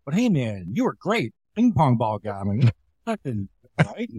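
A man's voice: medium pitch, big pitch swings, moderate pace, warm tone, husky, no room sound. A man who does comedy, telling a story in casual chat and acting out other people's lines. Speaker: comedian guest.

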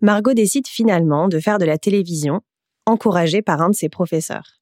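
A woman reading a scripted voice-over narration in an even, measured way. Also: lowish voice, dry recording, clean studio sound.

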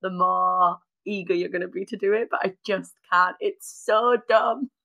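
A woman co-hosting a podcast, chatting casually and telling a lively story, acting out the voices of the people in it. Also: on the low side, moderate pace, creaky. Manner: animated storytelling with quoted voices. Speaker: podcast co-host. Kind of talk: casual chat.

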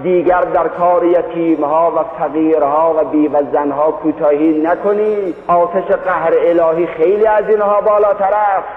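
A preacher voicing a humble self-rebuking leader. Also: male voice, fairly high pitch, fairly even intonation, few pauses, pitched above the performer's own voice, lightly acted. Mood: solemn. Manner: quiet self-reproach. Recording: tinny echoey hall recording.

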